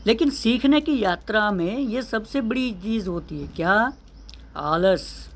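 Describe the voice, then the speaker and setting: A man's voice: high voice, animated, a little slow, a little hiss or hum. A man, an English teacher, giving an earnest motivational lesson, asking rhetorical questions and repeating key phrases.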